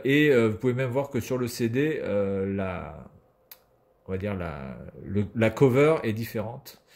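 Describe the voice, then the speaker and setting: A man's voice: medium pitch, darkish tone. A man giving casual video game commentary as a streamer, sarcastic and swearing freely.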